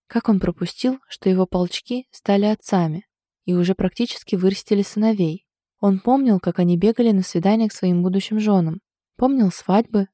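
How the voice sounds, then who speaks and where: A woman narrating an audiobook story in an even storytelling manner. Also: medium pitch, dry recording, clean studio sound.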